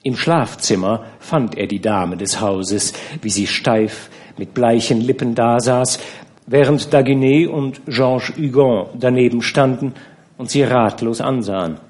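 This is a literary audiobook: a male narrator with a mid-range voice reads a classic novel aloud in a measured, expressive storytelling manner.

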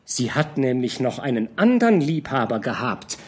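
A man voicing a gossiping middle-aged female innkeeper who spreads scandal in a hushed, eager way. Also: very animated, moderate pace, husky. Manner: chatty, conspiratorial, hushed to shrill.

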